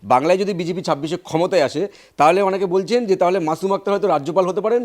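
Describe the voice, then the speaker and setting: Very fast-talking male interviewer. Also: high-pitched, a little mellow. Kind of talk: political interview.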